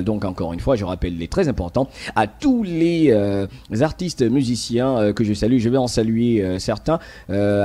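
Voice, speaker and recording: A man's voice: medium pitch, mellow. A man hosting a radio talk show, speaking hesitantly with many fillers and repeated words.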